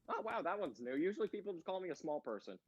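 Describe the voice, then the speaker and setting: A man voicing a small bearded adventurer who talks quickly and mocks himself. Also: high voice, big pitch swings, husky, muffled recording, heavily acted. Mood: wry. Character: tiny bearded male adventurer, cheerful.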